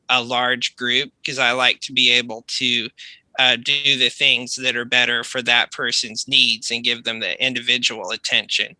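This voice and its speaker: An American man, an accent coach, explaining things in a measured, polite conversational way. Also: mid-range voice, sharp tone, no echo, rough recording. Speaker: accent coach, online tutor.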